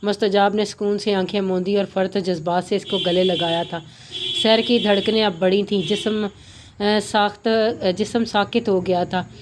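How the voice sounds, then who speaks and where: A woman's voice: mid-range voice, fairly even intonation, moderate pace, a little hiss or hum. A woman narrating a romance novel aloud, reading steadily with small stumbles and fillers.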